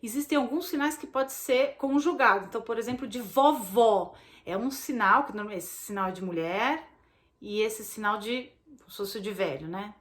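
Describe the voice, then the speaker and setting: Woman, Brazilian Portuguese accent, high-pitched, chatty course instructor, casual online class. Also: normal speed, a bit bright. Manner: chatty, explains with frequent tag questions. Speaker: baby sign language course instructor. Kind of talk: casual recorded online lesson.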